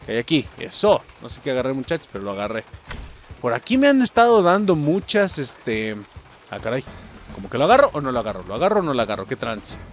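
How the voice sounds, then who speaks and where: A man's voice: mid-range voice, fast talker, a little hiss or hum. A young man with a Mexican accent giving casual, slangy gameplay commentary as a channel host, swearing often and talking straight to his viewers. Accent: Mexican Spanish. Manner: excitable, slangy, swears a lot, addresses viewers directly.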